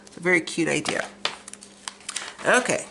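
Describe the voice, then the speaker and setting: A woman's voice: lowish voice, lively intonation, normal speed, vocal fry, background noise. A middle-aged American woman chatting casually and rambling through a craft vlog, gushing, with slightly imprecise, tongue-forward articulation. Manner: rambling, gushing over pictures. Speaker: craft vlogger. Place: at home, indoors.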